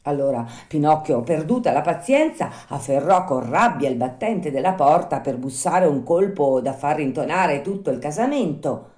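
Expressive woman reading a story aloud. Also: low voice, moderate pace. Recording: roomy echo.

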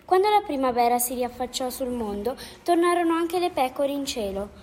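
A woman reads a children's story aloud with a gentle, lively manner. Her voice is high. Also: normal speed.

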